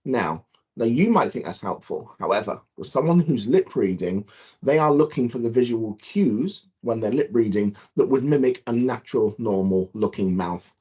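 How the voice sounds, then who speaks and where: Man co-presenter, husky voice, explains and demonstrates, muffled lo-fi call sound. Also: mid-range voice, lively intonation, normal speed, dark tone. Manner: explanatory, demonstrates his points. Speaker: guest presenter. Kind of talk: awareness talk to students.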